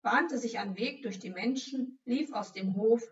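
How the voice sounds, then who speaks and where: A woman reading a Bible story aloud for children in a scripted narration, expressive as she acts out the figures. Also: a little high, moderate pace, roomy sound, slight background noise. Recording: dull, slightly distant recording.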